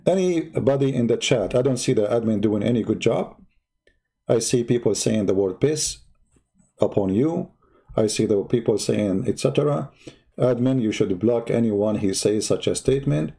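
In heated live-stream commentary, an Arabic-speaking debate host mocks and combats his opponents, repeating rhetorical questions. His mid-range voice is expressive, creaky, mellow and slightly rough. He keeps a moderate pace.

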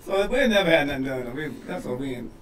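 A man's voice: a little high, expressive, quick pace, fairly bright tone. A man co-hosting a comedy podcast, telling loose joking stories with lots of restarts and laughs. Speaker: podcast co-host. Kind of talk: casual comedy podcast banter. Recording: roomy echo, mic a bit far off.

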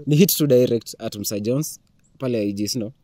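A man's voice: mid-range voice, brisk, warm tone. A man in his twenties with a Kenyan accent, hosting a casual street interview in a teasing, probing, slangy way. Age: 20s. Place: outdoors beside a car and hedge.

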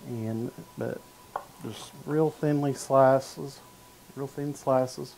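Hosting a cooking show from an indoor home-style studio kitchen, a man in his thirties demonstrates a recipe in an easygoing manner, frequently saying "uh" and "gonna" while stirring and slicing. His medium-pitched voice is gravelly, darkish, and steady, and he draws out his words. The low-quality recording carries a little hiss or hum.

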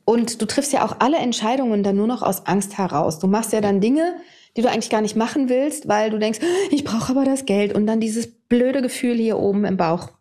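A woman in her fifties, a TV presenter, telling her personal story to an interviewer in a candid, animated way. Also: fairly high pitch, brisk. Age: 50s. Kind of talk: personal testimony in conversation.

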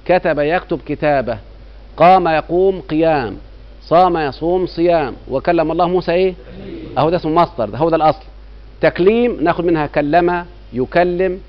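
Egyptian man teaching grammar, quizzing students. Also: on the high side. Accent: Egyptian Arabic. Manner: keeps quizzing students with rhetorical checks. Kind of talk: classroom lecture. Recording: dull lo-fi recording.

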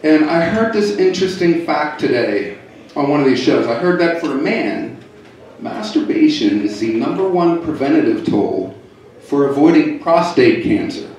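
A man from the Pittsburgh area doing a stand-up comedy set in a hotel comedy club, delivering deadpan punchlines with quick asides. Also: a little high, a little hiss or hum. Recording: echoey club heard from far off.

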